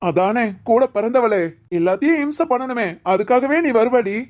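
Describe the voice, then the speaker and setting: A woman's voice: a little high, expressive, moderate pace, darkish tone, lightly acted. A woman playing an anxious, doting young husband who fusses and teases in a village family drama. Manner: fussy, coaxing and teasing.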